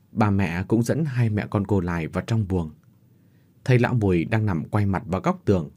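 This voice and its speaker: A man's voice: lowish voice, husky. A man narrating a story expressively, acting out all the characters. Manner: expressive, acts out every character.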